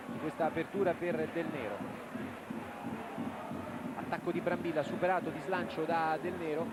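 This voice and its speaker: A man giving live play-by-play football commentary as a match commentator. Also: sits high. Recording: loud outdoor stadium noise. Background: loud outdoor stadium ambience.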